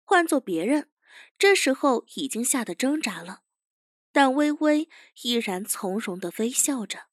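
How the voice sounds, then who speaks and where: A woman narrating an audio drama in a steady storytelling voice. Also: a little high, a little slow, dry recording, studio quality.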